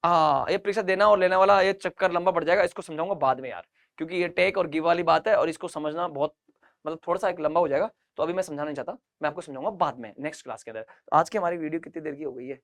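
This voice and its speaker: A male English teacher runs an online grammar lesson. He drills each example sentence slowly, several times over, and keeps prompting his students with questions. He moves easily between Hindi explanations and English examples. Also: fairly high pitch, a bit bright.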